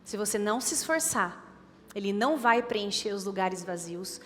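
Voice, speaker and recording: A woman's voice: mid-range voice, lively intonation, moderate pace, a bit bright, in a large hall, slight background noise. A woman with a Brazilian Portuguese accent preaching a sermon, urging and repeating her points with emphasis. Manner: emphatic, repetitive exhortation. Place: church.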